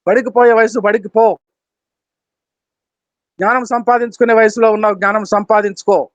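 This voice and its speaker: A man's voice: high voice, fairly even intonation, moderate pace, no room sound, lightly acted. A man voicing God as a stern father, scolding with repeated commands. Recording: dull, dry lo-fi recording.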